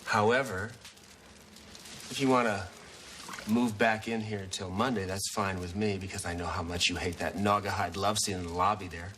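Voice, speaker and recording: A man's voice: low voice, fairly even intonation, normal speed, fairly bright tone, slight background noise. A man playing a teasing single father in a 1990s sitcom, with dry, sarcastic wit. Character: wry, teasing middle-aged single dad.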